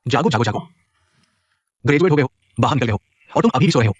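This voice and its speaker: An actor dubbing an excitable young male graduate in a TV drama, teasing and jumpy in manner. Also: medium pitch, fast talker, dull audio, close to an everyday voice. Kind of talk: Hindi dub of a TV drama.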